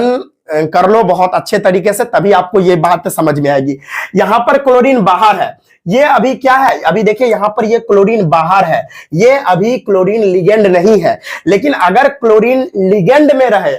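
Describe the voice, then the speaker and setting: A man teaching chemistry in a casual classroom lecture, repeating himself and coaxing students to look and listen. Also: high voice. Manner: repetitive, coaxing, keeps saying 'dekho' and 'thik hai'.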